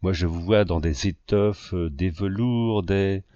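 Scheming self-pitying suitor, voiced by a male reader, insistent, flattering, low voice. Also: measured pace, no room sound. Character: scheming, self-pitying grown man, a would-be seducer. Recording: dull lo-fi dry recording.

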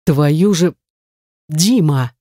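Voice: mid-range voice, drawn-out words, dark tone, no echo, studio quality. A reader doing a nervous accomplice man. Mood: alarmed. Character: panicked male accomplice, reluctant and nervous. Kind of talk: audiobook character reading.

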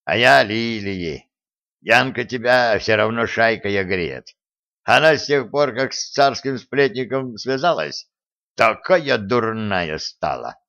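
A man voicing a gruff, laconic storybook dog who barks out short answers in a low, slow voice. The sound is dull and lo-fi. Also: animated, a bit bright, full character voice. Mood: terse. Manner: laconic, yapping. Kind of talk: audiobook character voicing.

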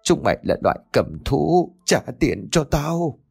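A man's voice: medium pitch, expressive, normal speed, husky, faint music behind. A man voicing a frail old father who begs and wails, his voice trembling. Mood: desperate pleading. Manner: trembling, begging.

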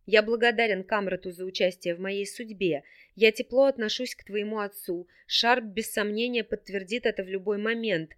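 A woman's voice: mid-range voice, steady tone, normal speed, few pauses, close to an everyday voice. A woman voicing a curt, irritable young nobleman in an audiobook reading. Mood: impatient. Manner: curt, clipped, impatient.

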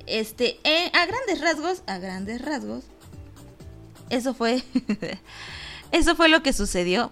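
A woman with a Mexican Spanish accent hosting a radio show, telling a story in a lively, casual way, acting out the voices she quotes and laughing often. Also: mid-range voice.

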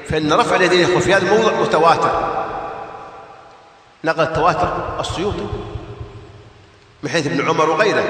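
A man leads a religious lesson, explaining rulings patiently and chanting examples. His voice is high and bright. It rings out in a large reverberant hall, picked up from some distance. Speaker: sheikh teaching jurisprudence. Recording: echoey hall, voice from far off.

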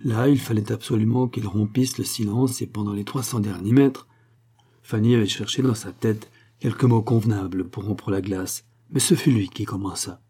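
A man reading a classic novel aloud as an audiobook narrator, in a measured way. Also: on the low side, steady tone, dark tone, breathy edge. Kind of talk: scripted narration.

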